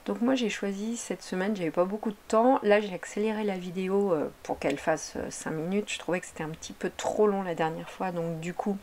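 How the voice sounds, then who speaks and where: A woman's voice: mid-range voice, steady tone, fairly quick, hardly any pauses, darkish tone, slight background noise. A woman talking casually over her craft video, chatty and meandering, often correcting herself mid-sentence. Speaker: craft vlogger.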